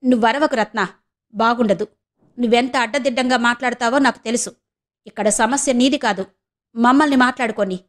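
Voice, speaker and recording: A woman voicing a stern, proud middle-aged mother who scolds her son with sharp questions. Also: on the high side, brisk, pauses often, lightly acted. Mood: defiant.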